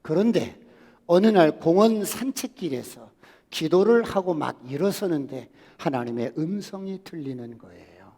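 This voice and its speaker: A male pastor preaches in a church, his high voice telling a story and rising into emphatic appeals. The sound carries a long reverb from the sanctuary. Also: animated, measured pace, mellow. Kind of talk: sermon.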